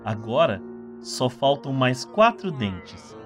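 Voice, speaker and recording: Sadistic male dentist, acted by a man, audio drama villain: gleeful, falsely kind, menacing, hugely animated intonation. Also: medium pitch, takes it slowly, faint music behind. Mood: gloating menace. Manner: falsely reassuring, menacing, with sinister chuckles. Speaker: character in an audio story. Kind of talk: dramatized horror audio story.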